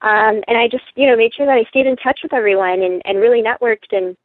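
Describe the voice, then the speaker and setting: A South Korean-born woman in her late twenties, an entrepreneur and pageant titleholder, answers interview questions as a guest over the phone. Friendly and composed, she uses frequent "um" fillers and light laughs, speaking fast in a fairly high voice. The recording is dry and comes through a tinny phone line.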